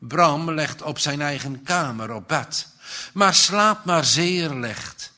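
Slow, bright-voiced male storyteller. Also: a little high, animated. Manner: measured, earnest. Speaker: narrator. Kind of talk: storybook reading aloud.

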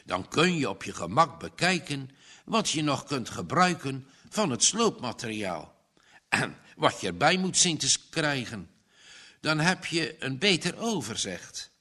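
A man's voice: medium pitch, very animated, a little slow, pushed and bright, full character voice. A man doing a patient, sensible father. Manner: patient and advising. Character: calm, sensible older father.

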